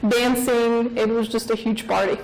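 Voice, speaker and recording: A Bulgarian professor in her forties, speaking with a Bulgarian accent, gives thoughtful interview answers with frequent pauses and fillers. Her voice is fairly high-pitched with a steady, darkish tone, and the audio is poor.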